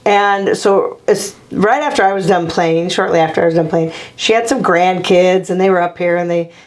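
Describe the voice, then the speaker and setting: Brief: woman guest, former coach, animated storyteller who laughs a lot. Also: on the low side, moderate pace. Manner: animated, laughing, acts out quotes. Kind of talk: casual storytelling interview.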